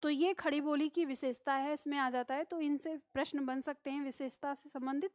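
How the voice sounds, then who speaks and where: A woman's voice: high voice, steady tone, normal speed, a little mellow, no room sound, studio quality. A woman teacher giving a classroom lecture, explaining points step by step and often checking with her students. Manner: explanatory, repeats key points with "ठीक है?".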